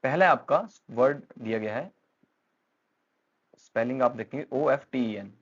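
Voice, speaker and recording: A man's voice: mid-range voice, measured pace, gravelly, dull audio. A man with an Indian accent teaching English pronunciation, talking patiently and repeating words with frequent fillers. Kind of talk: explanatory lesson in Hindi mixed with English.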